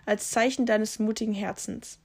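A woman's voice: medium pitch, steady tone, normal speed, husky. A mighty tomcat who leads his clan, speaking in a solemn, ceremonial tone, as a woman reading a storybook puts him on. He announces things to the whole clan. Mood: proud. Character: mighty male cat clan leader, proud.

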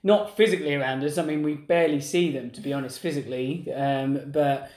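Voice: mid-range voice, fairly even intonation, fairly quick, a little mellow, reverberant. An English speaker co-hosting a casual chat, thinking aloud and often restarting sentences. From England. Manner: reflective, restarts sentences, exclaims in surprise. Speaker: podcast co-host.

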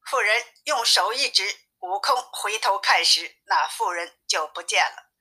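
A woman reading a classic tale aloud as a storyteller, in a plain, even manner. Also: medium pitch, a little slow, slightly rough.

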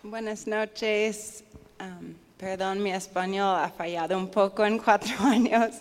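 Slow-speaking woman. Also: medium pitch, fairly even intonation, slight background noise. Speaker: church member giving testimony. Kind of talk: informal thanks to congregation. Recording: echoey hall with long reverb.

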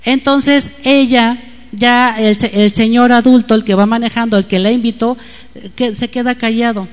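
A woman's voice: a little high, fairly even intonation, normal speed, smooth, in a large hall. A woman with a Mexican accent giving an informal, confiding devotional talk to women, often checking in with "¿no?". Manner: chatty, confiding, frequent tag questions. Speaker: women's Bible teacher.

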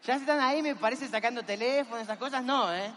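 A man's voice: very high-pitched, fast, fairly bright tone, long reverb tail, slight background noise. A man giving a motivational talk in an auditorium, coaxing and exhorting the audience with energy. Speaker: motivational seminar speaker.

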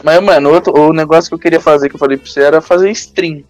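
A young Brazilian podcast host chats casually, spinning jokey, slang-heavy stories and laughing often, with a Brazilian Portuguese accent. His slightly high voice is steady in tone and fast. The sound is lo-fi, with faint music in the background.

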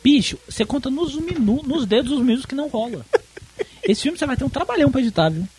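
High lively brazilian man riffing. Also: fast talker, husky. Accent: Brazilian Portuguese. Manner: joking, teasing, laughing often. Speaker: podcast host. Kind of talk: crude comedic film commentary.

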